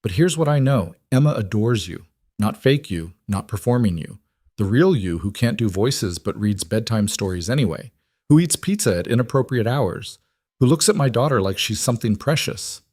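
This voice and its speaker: Man doing a gentle earnest single dad. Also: on the low side, animated, moderate pace, dry recording, clean studio sound. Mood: tender.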